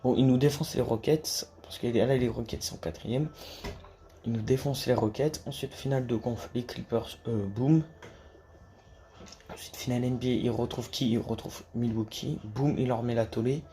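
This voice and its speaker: Guy chatting casually about hoops, lots of restarts, kinda dark voice, a bit of hiss in the room. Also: medium pitch, fairly even intonation, moderate pace. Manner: hesitant, many restarts and fillers, swears casually. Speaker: basketball YouTuber. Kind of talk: casual rambling monologue to camera.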